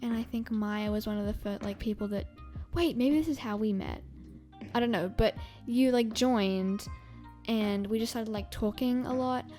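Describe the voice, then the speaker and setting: Young woman from Australia, podcast host, rambling casual chat, higher voice, faint music behind. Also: moderate pace, dark tone. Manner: rambling, many fillers and laughs.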